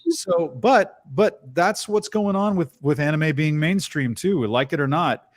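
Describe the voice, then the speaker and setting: A middle-aged guest with a bass-baritone voice talks informally in an interview. He's a voice actor and spins his stories energetically, dropping in quick character voices along the way.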